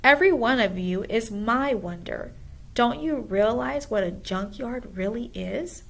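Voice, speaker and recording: A woman's voice: on the high side, expressive, unhurried, gravelly, a bit bright, full character voice. A woman voicing a kind, earnest schoolteacher who encourages her pupils in a storybook. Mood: wistful, reassuring.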